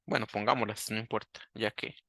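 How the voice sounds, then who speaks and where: A man's voice: fairly low pitch, steady tone, brisk, vocal fry, bright, forceful tone, no echo, studio quality. A man teaching a coding lesson, thinking aloud and asking himself questions as he works. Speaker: programming teacher. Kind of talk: screen-recorded coding lesson.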